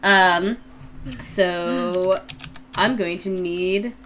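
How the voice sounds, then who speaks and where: A woman game master narrates a tabletop adventure in a bright, forward voice. She takes her time, halting playfully as she improvises, with faint noise in the background. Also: fairly low pitch, fairly even intonation.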